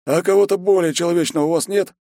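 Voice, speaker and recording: Cagey village headman, middle-aged warrior, folksy and wheedling, pitched up high, as a male reader puts him on. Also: steady tone, fast, mellow, no room sound, clean studio sound. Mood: sly.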